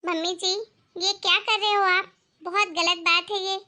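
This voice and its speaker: A woman's voice: extremely high pitch, steady tone, normal speed, pushed and bright, heavily acted. A woman voicing a proud young daughter-in-law from a rich family in a cartoon, speaking assertively. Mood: defiant. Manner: assertive, defiant.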